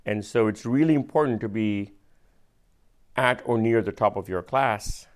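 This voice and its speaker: Patient man with an Indian accent. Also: lowish voice. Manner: patient, measured explanations with occasional slowed emphasis. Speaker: venture capitalist. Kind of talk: explaining in casual conversation.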